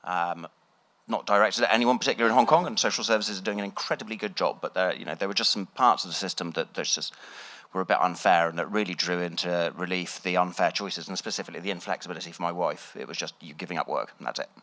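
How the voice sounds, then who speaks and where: A man with a low yet crisp, forward voice talks on a panel. He tells his story informally, in an understated, self-deprecating way. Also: fast talker, bright, forceful tone. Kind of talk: panel talk, informal personal account.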